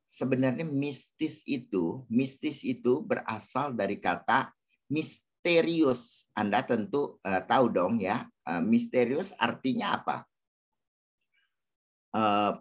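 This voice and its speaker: A man answering questions in a casual spiritual talk, hesitant with many fillers, asking his listeners questions. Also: medium pitch. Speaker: speaker answering audience questions. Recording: dull lo-fi sound.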